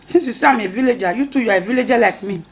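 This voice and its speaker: High-pitched West African woman chatting while eating soup. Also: very fast. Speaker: wife in a couple's mukbang video.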